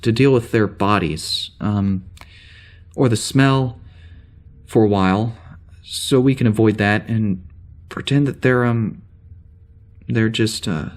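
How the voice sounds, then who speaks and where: In a naturalistic audio drama, an actor with a fairly low pitch plays a troubled starship officer suffering from amnesia. He records a log in a grim, hesitant mood, halting, rambling, and interrupting himself.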